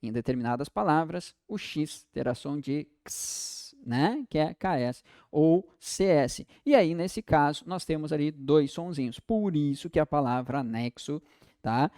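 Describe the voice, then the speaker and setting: A young man with a Brazilian Portuguese accent teaching an exam-prep lesson in a lively way, stretching out his example words. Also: a little high, measured pace, no room sound, clean studio sound.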